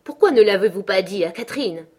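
A woman reading an audiobook and voicing an irritable young gentleman who talks in a peevish, curt way. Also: medium pitch, normal speed, lightly acted. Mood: startled.

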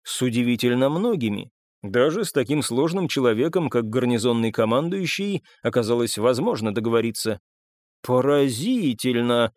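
A man narrating a first-person audiobook in a measured, even way. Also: medium pitch, dry recording, clean studio sound.

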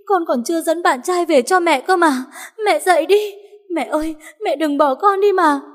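A woman's voice: extremely high pitch, animated, moderate pace, warm tone, voice pushed up. A woman voicing a young woman who sobs and screams desperate pleas over her murdered parents. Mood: desperate pleading. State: crying. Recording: long reverb.

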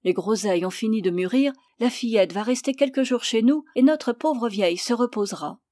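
A woman's voice: fairly high pitch, normal speed, warm tone, no echo, clean studio sound, close to an everyday voice. A woman reader voicing a stern, controlling bourgeois mother who gives firm instructions. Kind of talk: audiobook character voice.

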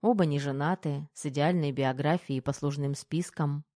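Woman, audiobook narrator, low voice, mellow tone, dry close mic. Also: steady tone, normal speed, no room sound. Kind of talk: scripted narration.

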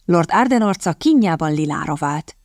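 A woman narrates a novel in a calm, even, measured reading. Her voice sits low, and the close studio mic gives a dry sound with no room echo. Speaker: audiobook narrator. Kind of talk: scripted narration.

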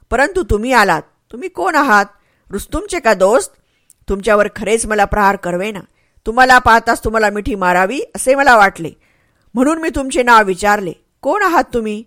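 A woman's voice: mid-range voice, fairly bright tone, no room sound, studio quality, close to an everyday voice. A woman voicing a brave young male warrior, a dying son who speaks earnestly and pleads tenderly.

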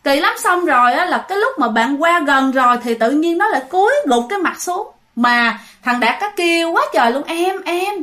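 A woman's voice: high-pitched, lively intonation, a little fast, hardly any pauses, a bit bright. A woman narrating a ghost story chattily, speaking straight to her listeners. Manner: chatty, addresses listeners directly.

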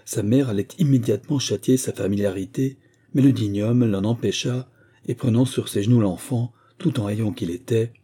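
Husky, dark-voiced male audiobook reader. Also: fairly low pitch, normal speed. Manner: steady, formal reading. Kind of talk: audiobook narration.

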